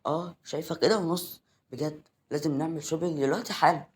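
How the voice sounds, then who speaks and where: A man's voice: on the high side, steady tone, racing, a little hiss or hum, natural voice. A man voicing a sly, pushy young woman in an Egyptian accent, in a read-aloud audio story.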